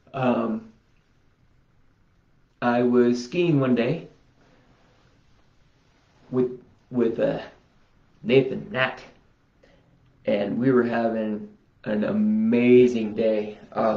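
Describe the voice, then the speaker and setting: Man, casual vlog, slow rambling talk, talks to himself, roomy echo. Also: mid-range voice, gravelly. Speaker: vlogger. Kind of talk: casual self-healing demonstration vlog. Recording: roomy, dull lo-fi sound.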